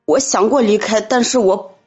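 A woman calling an advice show, telling her troubles in a halting, distressed way with many repeats. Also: medium pitch, darkish tone, breathy edge, soft background music. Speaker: caller.

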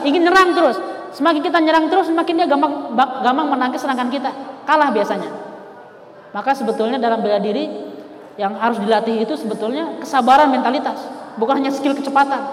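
Male preacher in an echoing hall. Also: very high-pitched. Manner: animated storyteller, acts out quotes. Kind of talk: storytelling sermon. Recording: echoey hall with long reverb.

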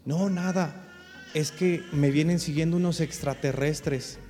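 A man's voice: on the high side, steady tone, measured pace, mellow, in a large hall, faint music behind, close to an everyday voice. A man voicing a young male gang leader who talks in street slang, teasing at first and scared later. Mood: frightened.

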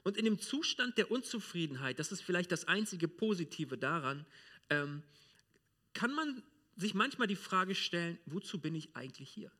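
A man's voice: high voice, big pitch swings, normal speed, bright, forceful tone. A man from Germany preaching a sermon in church, speaking directly and informally to the congregation. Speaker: pastor.

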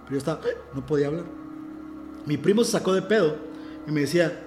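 A man's voice: a little high, fast, over music. Mexican man recounting a story, roomy sound. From Ciudad del Carmen, Mexico. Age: adult. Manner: earnest, self-aware, often restarts phrases. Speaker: guest telling a personal story. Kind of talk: casual storytelling in a conversation.

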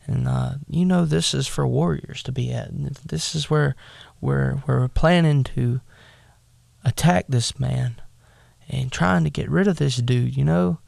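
A man preaching in a relaxed, conversational way. His voice is strongly gravelly and crackly, and he takes his time, retelling scripture in plain talk. The sound is close and dry, with no room echo. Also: mid-range voice. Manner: plain-spoken, slangy asides between slow scripture reading; many fillers and restarts while teaching. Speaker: minister preaching.

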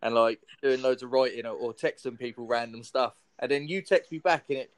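A man hosting a podcast, chatting in a relaxed, easygoing way. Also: mid-range voice, brisk, no echo. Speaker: podcast host. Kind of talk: casual chat.

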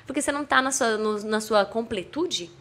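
A young Brazilian woman with a mineiro accent, a podcast guest telling a story in an animated way, laughing and acting out quotes. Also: fairly high pitch, fairly quick. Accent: Brazilian Portuguese, mineiro. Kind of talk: casual storytelling chat.

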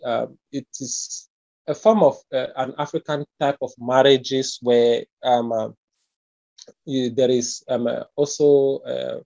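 A man from Cameroon with a Cameroonian accent, answering interview questions in a hesitant, unhurried way full of pauses and fillers. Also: medium pitch, warm tone, no room sound, highs cut off. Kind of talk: casual conversational interview.

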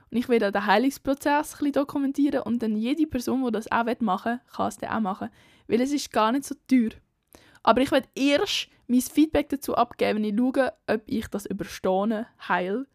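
Young woman, Swiss German accent, casual vlogger, chatty and frank, voice a bit high. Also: no echo, studio quality. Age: young adult. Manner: chatty, slangy and candid. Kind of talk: casual chat.

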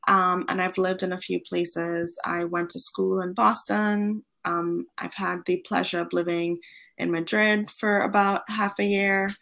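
A young woman from Trinidad and Tobago, a guest on a podcast interview who talks in a friendly, animated way with frequent ums. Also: lowish voice, a little slow, vocal fry. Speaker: guest, founder of an online platform.

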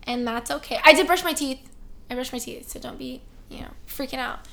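Young woman, high-pitched, casual podcast chat, self-mocking, chatty. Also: fairly quick, creaky, a bit bright. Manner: chatty, self-mocking, acts out quoted voices. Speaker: podcast co-host.

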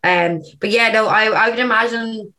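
Brief: young Irish woman, bright, crisp tone, casual podcast co-host, laughs easily. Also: fairly high pitch, moderate pace. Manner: laughs often, plainspoken. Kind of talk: casual chat.

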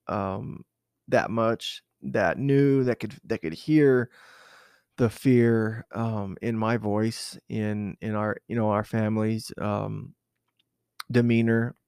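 A man's voice: fairly low pitch, steady tone, takes it slowly, a little mellow, clear, resonant tone, no room sound, clean studio sound. A man from southern Arizona recalling a personal memory in an unscripted interview, hesitant and reflective, with many fillers and restarts. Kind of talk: unscripted oral-history recollection.

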